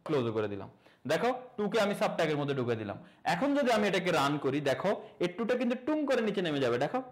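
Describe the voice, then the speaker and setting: Fast, high-voiced young male teacher. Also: rough recording. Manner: chatty and joking, teasing students, quick asides. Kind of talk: casual online coding lesson.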